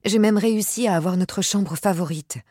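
A woman voicing a young engaged woman, passionate and easily hurt, in a husky voice raised above her narration. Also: fairly low pitch, lively intonation, moderate pace, a little mellow, no room sound, studio quality, voice pushed up, exaggerated voice.

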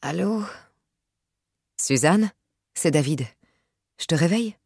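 Woman voicing a hurried apologetic young man. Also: low voice, animated, darkish tone, husky, no room sound, clean studio sound.

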